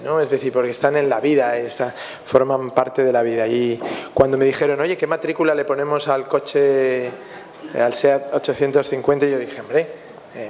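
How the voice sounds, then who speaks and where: A man's voice: mid-range voice, a little mellow. A man from Spain, a film director answering questions at a press conference, telling anecdotes in a reflective way with frequent tag questions. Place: festival press room. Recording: long hall reverb.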